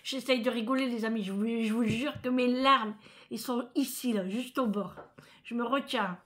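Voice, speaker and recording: A woman from France chatting casually to her viewers in a vlog, emotional and expressive. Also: fairly high pitch, normal speed. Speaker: vlogger. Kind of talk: casual chat.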